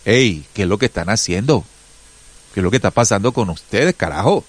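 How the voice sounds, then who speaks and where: A man's voice: fairly low pitch, expressive, a little fast, no echo. A man with a Colombian Caribbean coast accent giving emphatic, indignant political commentary straight to his viewers. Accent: Colombian costeño. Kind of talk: casual political commentary to camera.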